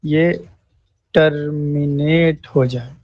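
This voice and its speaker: A man teaching code at a very unhurried pace, spelling concepts out word by word and often checking that his listeners follow. His voice sits a little high for a man. The recording is dry and a bit dull, with no room sound. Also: fairly even intonation, no echo. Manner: slow, repetitive, checks in with "thik hai" often; clears throat now and then. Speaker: programming teacher. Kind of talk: screen-recorded coding lesson. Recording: dry, slightly dull mic.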